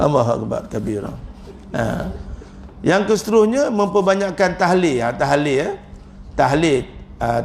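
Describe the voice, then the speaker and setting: A Malaysian Malay religious teacher preaching in a lively, joking way, his voice pitched high for a man and rough with grit. A faint hiss sits under his talk. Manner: joking, chuckles often, lively storytelling. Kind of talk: humorous religious lecture.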